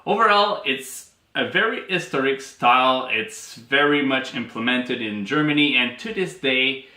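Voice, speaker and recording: A man co-hosting a casual beer chat, explaining in a relaxed, chatty way. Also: medium pitch. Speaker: co-host of a beer show. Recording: echoey room.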